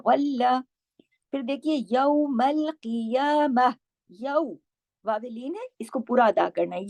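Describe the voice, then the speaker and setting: A woman teacher explaining recitation rules, modelling each word aloud between quick explanations. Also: a little high, a little mellow, dry recording.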